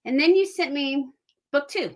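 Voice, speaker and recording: A middle-aged woman with a Texas accent chatting casually, her R's and W's blurring together so R's come out soft and w-like. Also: high-pitched, moderate pace. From Texas, United States. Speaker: guest, author and audiobook voice actor. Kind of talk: casual chat.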